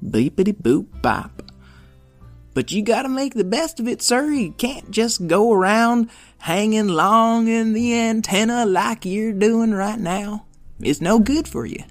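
Man doing a rusty, folksy old robot, pitched up. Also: lively intonation, unhurried, faint music behind. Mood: folksy, consoling. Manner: folksy old-timer phrasing with robot nonsense words. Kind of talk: character voice in a children's audio story.

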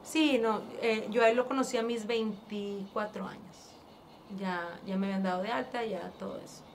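A woman from northern Mexico with a northern Mexican accent, telling her story as an interview guest in a casual, animated way, acting out past conversations and often restarting her sentences. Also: medium pitch, normal speed, slight background noise. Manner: animated, acts out past dialogue, frequent restarts.

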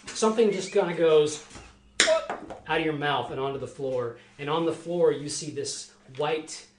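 Homme meneur de jeu, pièce résonnante. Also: male voice, on the high side. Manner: loose, filler-heavy narration. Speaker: game master. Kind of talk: narrating a tabletop horror game. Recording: echoey room with noise.

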